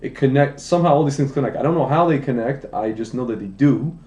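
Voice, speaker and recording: In an echoey room with dull audio, a man speaks at a quick pace in a warm, mid-range voice. The American founder of a wine business, in his late thirties, recounts his life on a livestream podcast indoors, chatting loosely with frequent restarts and asides.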